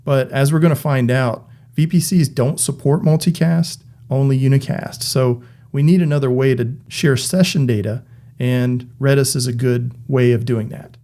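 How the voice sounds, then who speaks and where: A man recording an online tech course lesson, explaining clearly and evenly with a touch of dry humor. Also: medium pitch, fairly even intonation, normal speed, warm tone. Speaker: course instructor.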